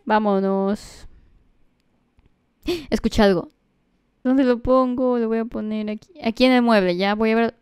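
A woman doing let's-play commentary, excitable, shrieking and gasping as she talks straight to her viewers. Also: fairly high pitch, unhurried, pauses often, clean tone, no room sound, studio quality. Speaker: gaming streamer.

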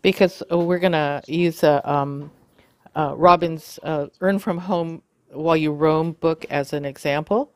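A woman giving a casual how-to demonstration, talking haltingly with many fillers and self-corrections. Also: sits low, fairly even intonation, no echo. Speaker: video tutorial host.

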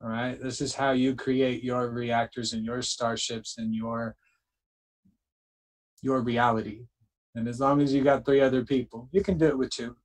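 A man's voice: medium pitch, little pitch movement, normal speed, rough recording. Man leading a chanting spiritual talk. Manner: repeats "okay?" constantly, chants incantations with emphasis. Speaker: spiritual group leader.

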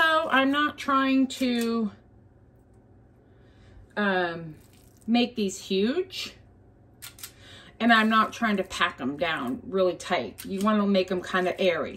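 A woman with a medium-pitched, slightly bright voice leads a casual cook-along in her home kitchen as a cooking vlogger. She chats viewers through every step, with kitchen noise and clinking dishes clearly audible.

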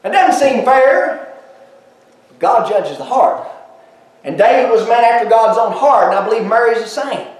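A high-pitched man with a drawl preaches with emphatic, animated energy and homespun asides. His voice rings through a very echoey church, picked up from well back from the mic. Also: moderate pace, far from the mic. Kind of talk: sermon. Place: church sanctuary.

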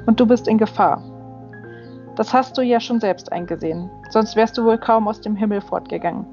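A woman's voice: fairly high pitch, moderate pace, a little mellow, natural voice. A woman voicing a stern, commanding older female warrior angel who speaks curtly and urgently. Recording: slightly dull with faint music.

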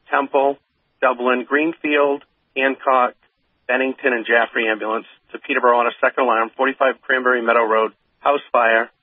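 A man's voice comes through a thin, tinny radio channel as he dispatches fire units in quick, clipped bursts. His tone is a little husky and sits in a middle pitch. The sound is dry and close, like a radio transmission with no room around it. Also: dry recording. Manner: rapid, clipped, repeating addresses and unit numbers. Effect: heard over a fire radio channel.

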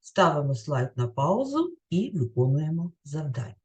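A woman teaching a recorded lesson over slides, her pitch rising and falling a lot as she explains. She speaks in a clear, carefully enunciated way and reads lists out slowly, word by word. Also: very animated, darkish tone.

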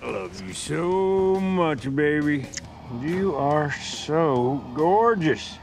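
An actor playing a brash, sentimental, fatherly American zombie survivor in a film comedy, middle-aged, loud and folksy. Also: fairly high pitch, lively intonation, unhurried, soft background music. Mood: smitten.

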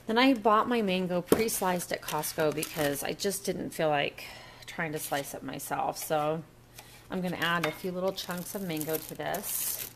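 At a home counter, a woman with a lowish voice walks viewers through a recipe in a casual, chatty kitchen demo, speaking at a moderate pace. She's a cooking vlogger recorded on her camera mic, and the background is noisy.

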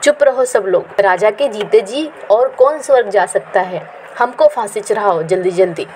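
A woman's voice: mid-range voice, normal speed, darkish tone, a little hiss or hum, close to an everyday voice, rough recording. Storybook reading: a woman voicing a silly, commanding king. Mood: bossy. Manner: bossy, issuing orders. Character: foolish commanding male king.

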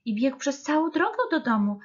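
A woman voicing a gentle, careful young girl deer in a children's storybook, soft and worried. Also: sits high, lively intonation, a little fast, voice pushed up. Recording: dull lo-fi storybook reading.

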